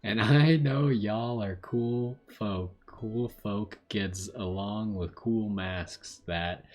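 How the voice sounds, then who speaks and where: A man reading out a letter in a put-on American Southern accent, playing a folksy male treasure hoarder with a slow drawl. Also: lowish voice. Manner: slow drawling read-aloud.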